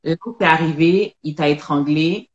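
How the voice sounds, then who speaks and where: A woman with a Quebec French accent, co-hosting and gently asking questions, summing up what the guest said. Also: low voice, normal speed. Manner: gentle, probing, sums up the guest's words. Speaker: co-host. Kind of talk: casual interview questions. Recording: echoey, dull online live audio.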